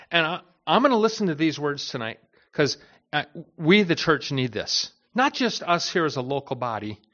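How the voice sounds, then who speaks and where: A man's voice: fairly high pitch, pushed and bright. A man preaching a sermon to a church, earnest, asking rhetorical questions and often adding "right?". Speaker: pastor. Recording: dull lo-fi recording.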